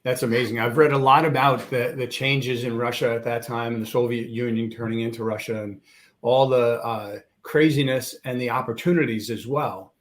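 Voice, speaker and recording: A man's voice: medium pitch, steady tone, moderate pace. A man interviewing a podcast guest in an upbeat, enthusiastic way, often saying "you know". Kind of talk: casual interview.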